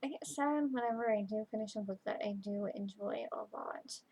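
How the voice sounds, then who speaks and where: A woman giving a chatty, informal book review to camera, halting and often trailing off mid-thought. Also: medium pitch, vocal fry, darkish tone, slightly rough, rough recording. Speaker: book reviewer, video host.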